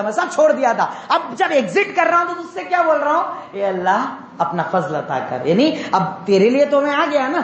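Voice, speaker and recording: A man preaching a Friday sermon, his voice pitched unusually high. He speaks with emphasis and keeps firing questions at the congregation. The sound rings around an echoey mosque hall on a dull, muffled recording. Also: fairly bright tone, a little hiss or hum.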